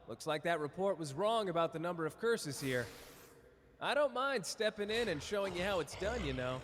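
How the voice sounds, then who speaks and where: Man acting Gojo, cocky high-voiced flirty sorcerer. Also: heavily acted. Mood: smug. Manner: playful, smug, drawling, teasing. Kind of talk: anime character roleplay audio drama. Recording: reverberant hall, audible background noise.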